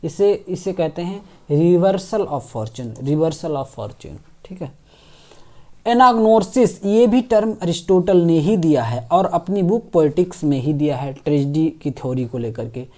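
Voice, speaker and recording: A man teaching an exam-prep lesson, reading English questions slowly and explaining them in Hindi, often checking in with his listeners. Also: a little high, expressive, darkish tone. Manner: frequent "ठीक है" and "है ना" check-ins.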